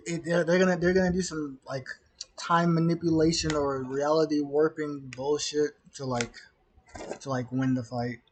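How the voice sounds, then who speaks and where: A man reacting casually as a streamer, halting and stunned, with frequent swearing. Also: on the high side, steady tone, rough recording. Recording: clear background noise.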